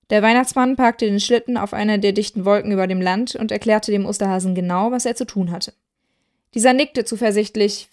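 A woman reading a children's Christmas story aloud in an even, clearly paced storytelling voice. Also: mid-range voice. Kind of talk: scripted story narration.

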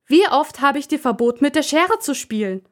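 A woman voicing an annoyed mother who scolds her children in a loud, raised voice. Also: fairly high pitch, expressive, moderate pace, lightly acted. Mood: scolding.

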